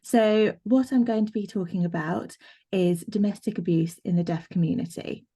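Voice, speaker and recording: A woman's voice: medium pitch, moderate pace, dark tone, husky. A woman sign language interpreter giving a live voice-over of a signed presentation, speaking in first person with frequent fillers and restarts on a video call. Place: online video meeting.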